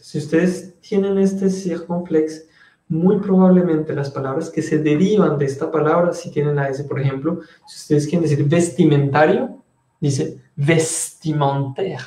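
A man's voice: on the high side, mellow, echoey room. A man teaching French in an online class, explaining patiently and switching between Spanish and French.

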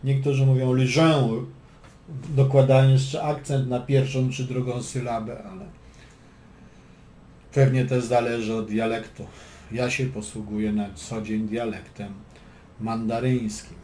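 Calling out moves and laying out plans, a male chess teacher slips dry jokes in between. He speaks in a mid-range, mellow voice, flat in delivery and measured in pace. The recording has an echoey room and faint background noise.

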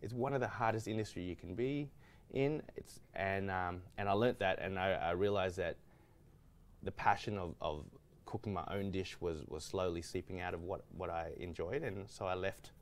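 Speaking briskly in a low, steady voice, a guest chef from Australia recounts his story in a studio kitchen. The casual interview finds him rambling, restarting often and leaning on fillers.

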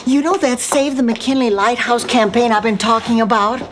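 A woman's voice: on the high side, moderate pace, natural voice. An older actress playing a sweet, naive woman who talks in a chirpy, earnest way. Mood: eager. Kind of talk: studio sitcom acting. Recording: loud background noise on 1990s sitcom audio.

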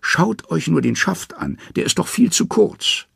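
Loki, a man doing a high, wheedling trickster god. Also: big pitch swings, a little slow, vocal fry, a bit bright, husky, dry recording, clean studio sound, exaggerated voice. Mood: mocking pleading. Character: sly pleading male trickster god.

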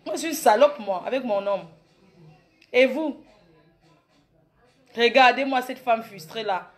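Her pitch fairly high and her delivery a little slow, this woman in her late thirties mocks her critics in a brash, boastful comedy monologue. She is a comedic vlogger speaking with a Cameroonian French accent.

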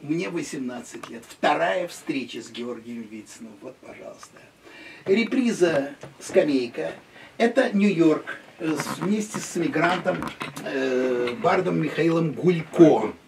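A man's voice: a little high, unhurried, vocal fry, distant mic, noisy background. A man in his sixties from Russia, chatting as he shows visitors around his small home museum, pointing at one picture after another. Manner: lively, chatty, gesturing at photos. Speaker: private museum owner and guide. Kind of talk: casual guided tour. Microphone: handheld camera following him.

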